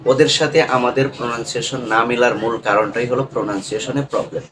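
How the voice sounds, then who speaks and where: This online lesson comes from a man of medium pitch with a Bangladeshi accent, with background noise audible. He takes his time explaining, repeating fillers and tag questions as he checks in again and again.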